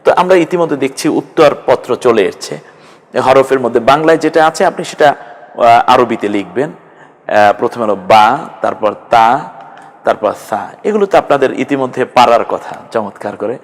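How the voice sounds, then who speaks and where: A man's voice: mid-range voice, normal speed. A man teaching a Quran class, patiently drilling Arabic letters one at a time and modelling their pronunciation. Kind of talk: online Arabic letter lesson. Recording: long hall reverb.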